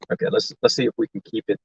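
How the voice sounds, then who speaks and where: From inside a parked car, a Lebanese man hosts a casual tech live stream, rambling and chatting with plenty of fillers as he responds to viewer comments. His voice is a little bright, and the lo-fi audio carries slight background noise.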